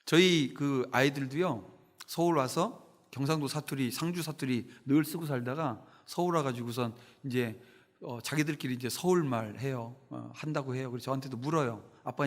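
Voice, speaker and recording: In the echoing sanctuary of a church, a middle-aged man delivers a Sunday sermon as pastor at normal speed in a mid-range voice. He is emphatic and poses rhetorical questions to the congregation.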